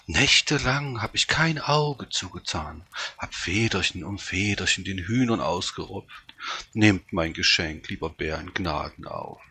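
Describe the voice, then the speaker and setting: A man's voice: deep voice, unhurried, vocal fry, slightly rough, full character voice. A man doing a fawning, sly fox. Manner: wheedling, flattering, sing-song. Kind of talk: storybook reading.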